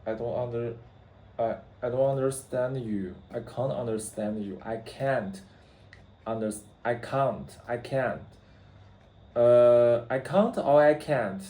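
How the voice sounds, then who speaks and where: A man practicing English, speaking haltingly with many fillers and restarts. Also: medium pitch, fairly even intonation, dark tone, reverberant, slight background noise. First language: Mandarin Chinese. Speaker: English learner. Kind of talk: practice conversation.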